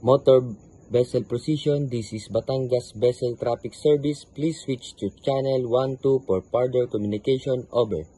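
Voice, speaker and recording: A man's voice: medium pitch, moderate pace, dark tone, husky, rough recording. A man speaking as a vessel traffic service radio operator, giving formal, procedural replies in a scripted maritime radio exchange.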